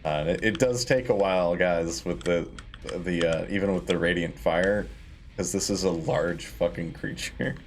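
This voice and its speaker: A man's voice: sits low, normal speed, faint music behind. A man acting as game master, narrating a tabletop role-playing game in a casual, informal, sweary way.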